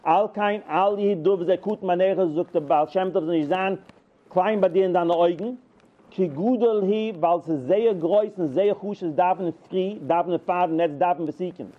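Over a tinny line, a high-voiced man tells rambling personal anecdotes. He's animated but halting, often repeating and restarting words.

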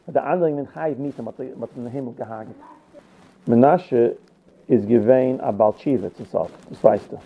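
A man's voice: mid-range voice, normal speed, slight background noise. A man teaching a Bible story, retelling it with acted quotes and frequent restarts. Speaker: Torah teacher. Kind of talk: Yiddish-flavored Bible lesson. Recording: tinny phone-like line.

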